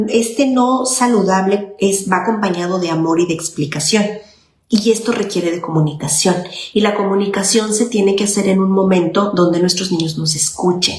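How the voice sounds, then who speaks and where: A woman child psychologist, explaining parenting in an informal talk and often checking in with "okay?". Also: mid-range voice. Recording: echoey room with faint noise.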